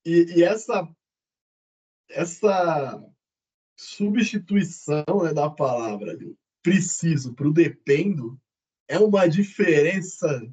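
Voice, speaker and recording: A man in a prayer group, chatting and telling a story in an animated way. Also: on the high side, takes it slowly, breathy edge. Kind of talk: casual chat.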